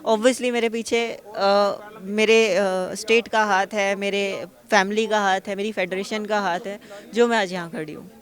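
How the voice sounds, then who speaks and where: A young woman athlete from Uttar Pradesh answers a reporter's questions at an outdoor awards event. She talks fast and earnestly, keen to share her views, in a mid-pitched voice. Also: fairly even intonation. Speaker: athlete being interviewed. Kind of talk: on-the-spot news interview.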